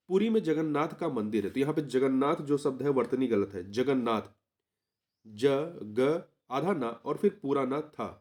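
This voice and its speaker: A man's voice: medium pitch, warm tone. A man who explains exam answers as a tutor, repeating each word and correcting himself as he talks it through.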